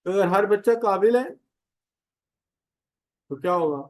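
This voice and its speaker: Chatty Pakistani teacher, slightly high voice. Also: male voice, animated, a little slow, a little mellow, low-quality recording. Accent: Pakistani Urdu. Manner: chatty, tells homely anecdotes, addresses students directly. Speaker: economics teacher. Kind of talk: classroom lecture.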